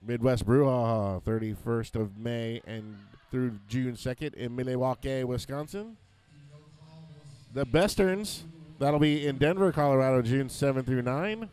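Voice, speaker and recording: A man's voice: medium pitch, measured pace, darkish tone, smooth. A man announcing a roller derby tournament, joking as he rattles off lists of events and scores. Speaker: play-by-play announcer.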